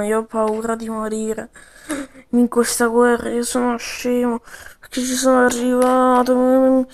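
A woman improvising playful, slangy role-play commentary over a video game, with sudden yells. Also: a little high, gravelly.

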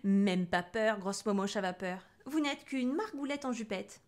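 A woman voicing a rude, cheeky little boy in a storybook reading, with a whiny, squeaky voice. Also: a little slow, close to an everyday voice.

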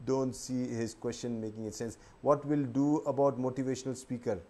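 A man's voice: medium pitch, flat delivery, moderate pace, mellow. A man hosting a video-call interview, reading out viewer questions with joking asides. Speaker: host. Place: indoor room with bookshelves.

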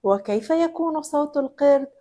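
A woman's voice: high voice, animated, normal speed, roomy sound, loud music behind the voice. A woman presenting a children's lesson, playful and exaggerated, coaxing little ones to repeat words. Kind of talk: teaching toddlers.

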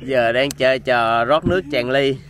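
A man's voice: medium pitch, normal speed, music in the background. A man in his thirties filming friends at a campsite party at night, chatting casually and teasing with a laugh, on a handheld camera. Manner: joking, teasing, laughs often.

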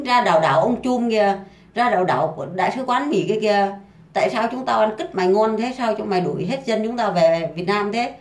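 A woman delivering an angry, profane rant full of insults and hammering repetition. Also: medium pitch. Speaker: housemaid ranting online. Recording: roomy echo.

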